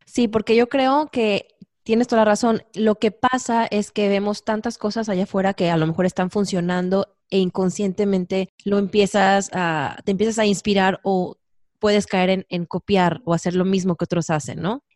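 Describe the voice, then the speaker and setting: A woman's voice: mid-range voice, fairly even intonation, moderate pace, darkish tone, dry recording, studio quality. A Mexican woman hosting a casual interview, thinking aloud in a reflective way. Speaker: host.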